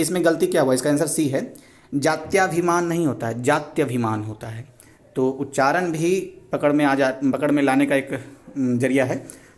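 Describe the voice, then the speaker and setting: Patient male Hindi tutor explaining slowly. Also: on the high side, a little mellow. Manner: explains slowly and patiently, reads out quoted sentences. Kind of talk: exam revision lesson.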